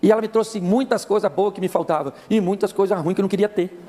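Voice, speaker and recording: A male pastor with a Brazilian Portuguese accent preaching a humorous sermon with jokey, animated storytelling. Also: high-pitched, fast.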